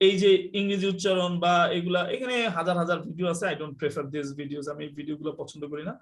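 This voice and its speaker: A man teaching a live online English class, explaining quickly and telling students to mute their mics. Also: fairly high pitch, steady tone. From Bangladesh.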